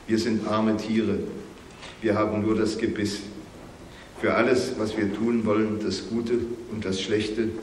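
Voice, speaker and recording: A man voicing an old male jackal elder who pleads solemnly, in a measured, plaintive storybook reading. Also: lowish voice, little pitch movement, darkish tone, lightly acted. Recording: roomy recording with faint hiss.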